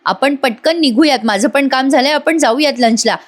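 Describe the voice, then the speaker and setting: A wheedling, playful young husband, talking in a raised, bright register, as a woman puts him on. He coaxes and teases, drawing out his pleas in a soap-opera retelling. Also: high voice, moderate pace. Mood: pleading. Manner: coaxing, wheedling.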